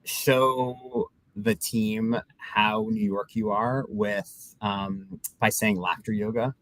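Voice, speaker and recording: A man co-hosting a live podcast, talking in a relaxed, teasing way and often adding "you know". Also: lowish voice, slow pace, low-quality recording. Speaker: podcast co-host. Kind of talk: live-stream podcast chat.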